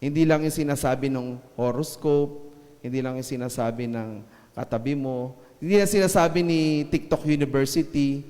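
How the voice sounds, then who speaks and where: A man giving a casual, joking sermon in mixed Filipino and English. He slows down and stresses the scripture lines. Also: medium pitch, warm tone, long reverb tail. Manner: joking asides with laughs, then slow emphatic scripture lines. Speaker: preacher.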